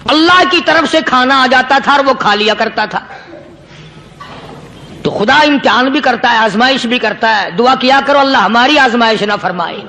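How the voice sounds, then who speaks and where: A man's voice: extremely high pitch, expressive, creaky, bright, forceful tone. A man preaching a sermon, telling a story with emphatic repetition. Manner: storytelling, emphatic repetition, chanted Arabic verses.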